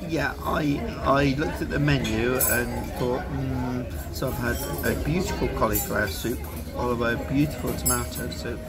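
A man's voice: mid-range voice, steady tone, normal speed, hardly any pauses, loud music behind the voice. A middle-aged man vlogging on a cruise ship, chatting with humor to a handheld camera in the dining room and bar. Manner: jokey, chuckling, talking straight to camera. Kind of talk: casual vlog chat. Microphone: handheld camera at arm's length.

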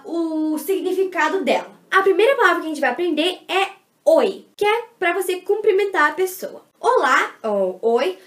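A woman hosting a playful tutorial vlog, bubbly and slowing right down to sound out foreign words. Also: sits high. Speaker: vlogger teaching words. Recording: echoey room.

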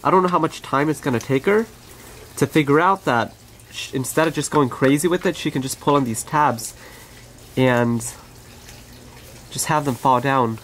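A pet bird owner and channel host gently narrating pet footage in a casual, conversational way, recorded on the camera mic in an outdoor aviary. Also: medium pitch, moderate pace, long pauses, a little hiss or hum.

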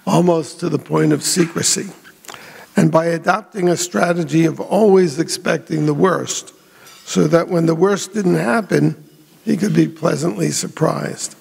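An older man giving a prepared memorial speech in a measured, reflective way. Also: a little high, creaky, darkish tone, slightly rough, long reverb tail. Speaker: memorial speaker. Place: hotel ballroom.

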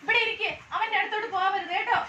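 With an extremely high, piping voice, a woman portrays a mother in a home skit, coaxing and scolding little kids in sing-song baby talk. She talks very fast with a sharp tone and fairly even intonation, sounding distant in an echoey space with household noise, and the audio is dull.

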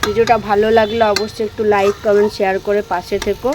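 A woman's voice: medium pitch, level tone, quick pace, background noise. A woman chatting casually as she cooks on a rooftop in the hot sun, sweaty and repeating herself as she talks. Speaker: cooking vlogger. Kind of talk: casual cooking vlog chat. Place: rooftop, outdoors.

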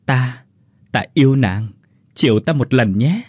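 A man's voice: medium pitch, lively intonation, unhurried, darkish tone, dry recording, studio quality. A man voicing a lecherous, cowardly middle-aged official who leers and stammers in a horror audiobook. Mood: leering. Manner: leering, then stammering.

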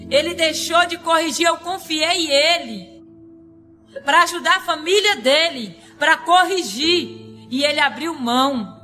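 A woman quoting a solemn, stern male divine voice, speaking slowly and gravely. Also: sits high, pushed and bright. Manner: slow, grave, final.

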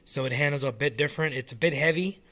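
A man casually talking through a hobby model car while filming it one-handed at home, relaxed and rambling with frequent restarts. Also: fairly high pitch, fast. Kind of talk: casual off-the-cuff vlog. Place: small indoor room at home.

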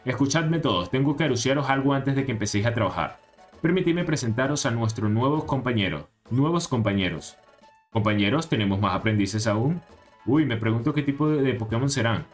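A man's voice: mid-range voice, animated, brisk, soft background music, lightly acted. A man voicing a fussy male parrot foreman who gives orders in a formal, announcing way. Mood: bossy.

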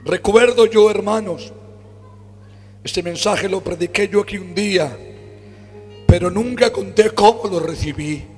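A man with a Spanish accent preaching a fervent sermon in a church, swinging from low murmurs to shouts. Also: a little slow, pauses often, husky. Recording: church hall reverb with faint music.

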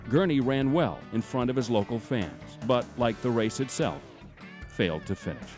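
A man giving scripted documentary narration in a measured, formal storytelling manner. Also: medium pitch, expressive. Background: guitar music.

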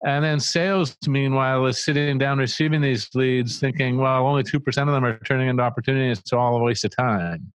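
A middle-aged man with a clear, resonant, medium-pitched voice speaks briskly and steadily, hardly pausing. He's a marketing agency co-founder guesting on an interview, explaining ideas thoughtfully and conversationally with restarts and asides. The small-room setup has a boom-arm studio mic and headphones, and there's no echo.

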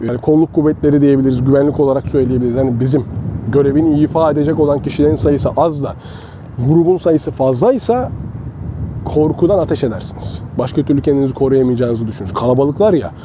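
A man's voice: fairly high pitch, quick pace. A man, a self-defense instructor talking casually to his students while he demonstrates moves with a partner. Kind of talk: casual outdoor training demonstration. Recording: dull lo-fi outdoor sound with faint traffic.

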